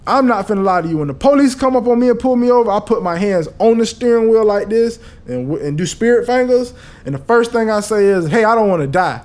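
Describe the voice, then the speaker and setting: A man hosting a podcast, talking in a casual, profane and animated monologue. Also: sits high. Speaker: podcast host.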